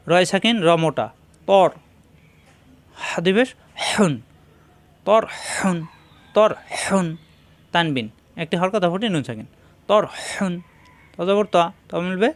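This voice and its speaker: A man's voice: high-pitched, no room sound. Patient male Quran teacher drilling letters. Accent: Bangladeshi Bengali. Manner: patient, repetitive drilling of sounds. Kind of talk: slow letter-by-letter pronunciation lesson.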